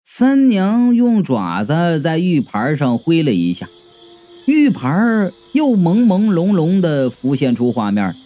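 A man narrating a comic story in the first person, with a voice that leaps wildly up and down in pitch. His tone is mellow and warm rather than bright, and the delivery stays chatty and playful. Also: takes it slowly. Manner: chatty, playful, with sudden lively swoops. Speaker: audiobook narrator.

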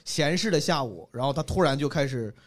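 Fast-talking young man spinning a story. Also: medium pitch. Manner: animated, laughs while telling stories. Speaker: stand-up comedian guest. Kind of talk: casual storytelling chat.

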